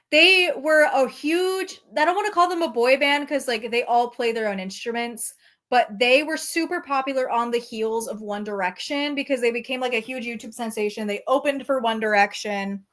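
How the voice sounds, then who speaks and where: A woman's voice: a little high, lively intonation, moderate pace, a bit bright. A young woman reading fan fiction aloud in a mock-dramatic way, breaking off with wry asides and frequent laughter. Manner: laughs often through the text, wry asides.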